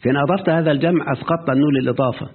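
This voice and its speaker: His voice sits fairly high and sounds husky as this Egyptian-accented man teaches grammar. He regularly tests his student while explaining and delivers quotes in a drawn-out way. The audio is lo-fi and tinny, like a phone call.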